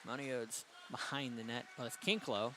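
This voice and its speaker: Male play-by-play announcer, mid-pitch, brisk delivery, faint noise behind. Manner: brisk, rises in excitement on goals. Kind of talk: hockey play-by-play commentary.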